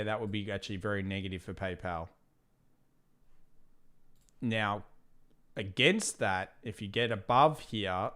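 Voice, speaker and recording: This Australian man's voice is lowish, smooth, and a bit bright. Hosting a live trading stream with market analysis, he rambles casually, reads out questions from viewers, and sounds worn out from talking for hours.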